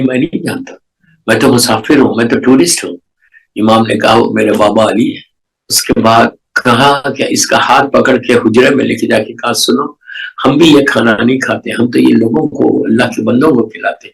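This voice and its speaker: A man's voice: mid-range voice, fairly even intonation, gravelly, rough recording. A male preacher with a Pakistani Urdu accent giving a sermon, telling a story and then urging his listeners with rising passion, dropping English words into his Urdu. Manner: rises to impassioned exhortation. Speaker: Shia preacher.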